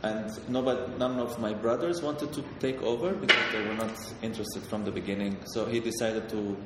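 A man from Syria, a photographer, talking haltingly with many fillers and restarts. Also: lowish voice, fairly even intonation. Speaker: photographer guest. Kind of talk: hesitant conversational talk. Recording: echoey hall, distant mic, background noise.

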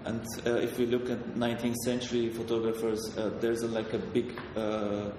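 A man from Syria talks about his work in a halting way, stopping and restarting his sentences often. He sounds far from the mic in a large hall with a long echo. A steady background noise runs beneath his voice. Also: medium pitch. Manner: halting, many fillers and restarts. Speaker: photographer guest. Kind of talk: hesitant conversational talk.

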